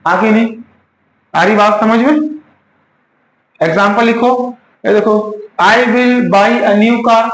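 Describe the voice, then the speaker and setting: A male teacher giving a classroom grammar lesson, quizzing his students again and again. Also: high-pitched. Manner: quizzes students with repeated questions. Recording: roomy classroom echo.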